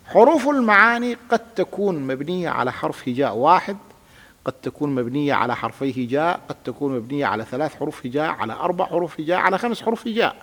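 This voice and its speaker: A man's voice: fairly high pitch, big pitch swings, fast, fairly bright tone. A man teaching a classical grammar lesson, patiently explaining step by step and having his student repeat words. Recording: reverberant room with long echo.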